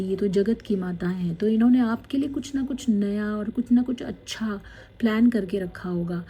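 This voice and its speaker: A woman tarot card reader, gently guiding viewers through a spiritual card reading, with many fillers. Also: medium pitch, husky. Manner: slow, gentle guidance with many fillers, reading card messages aloud in English.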